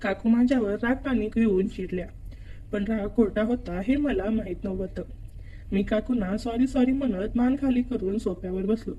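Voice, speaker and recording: A woman reading a first-person story aloud in steady scripted narration. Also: medium pitch, normal speed, highs cut off, a little hiss or hum.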